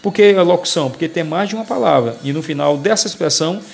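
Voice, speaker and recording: A man's voice: on the high side, fast, vocal fry. A man, teaching a grammar lesson as a podcast, explaining step by step and often restarting words.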